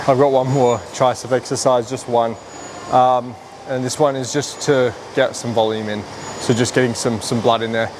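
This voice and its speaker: A fitness vlogger talks casually as he works out in a gym, explaining things in an informal, rambling way. His voice is medium in pitch, fairly flat, and at normal speed. The room is noisy with an ambient hum.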